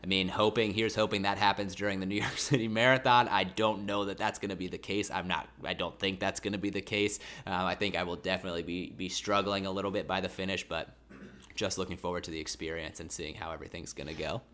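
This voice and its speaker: A livestream host with a low voice talks fast, his intonation fairly even and his tone fairly bright. Getting over a mild cold with a slightly sore throat, he chats casually with viewers in a rambling, self-correcting way.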